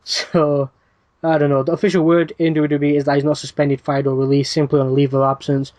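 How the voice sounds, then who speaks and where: Male podcast host, brisk casual news rundown, dry asides, bit higher register. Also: flat delivery, darkish tone, no room sound. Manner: reads news items quickly with frequent "uh" fillers and dry asides.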